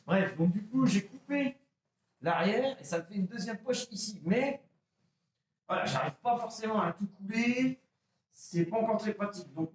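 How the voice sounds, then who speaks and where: A man's voice: sits high, slight background noise. A man casually showing his airsoft gear to viewers, chatty and self-mocking, talking straight to the audience. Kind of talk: casual gear show-and-tell. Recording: roomy echo, mic a bit far off.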